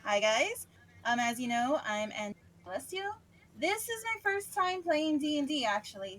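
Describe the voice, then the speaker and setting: High-voiced female newcomer player, hesitant, casual chat. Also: low-quality recording. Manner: hesitant, unsure phrasing. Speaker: tabletop game player. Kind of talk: casual chat describing a character.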